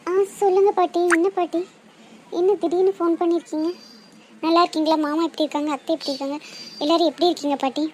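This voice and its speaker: A woman's voice: very high-pitched, steady tone, fast talker, a little mellow, slight background noise. A young woman playing a daughter who pleads and defends herself to her family. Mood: cheerful. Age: young adult. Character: young bride-to-be, torn and pleading.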